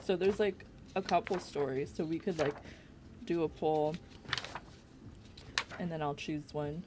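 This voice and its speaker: A young woman with a low-pitched, somewhat slow voice chats casually on a livestream while working in her home workspace, with noise in the background. The streamer sounds out of breath and rambles with lots of fillers.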